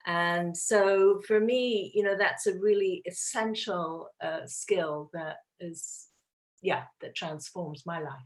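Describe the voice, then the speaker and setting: Lower-voiced woman, sincere and reflective, talking over a video call. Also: slow. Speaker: nonviolent communication trainer. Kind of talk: personal reflection in a group call.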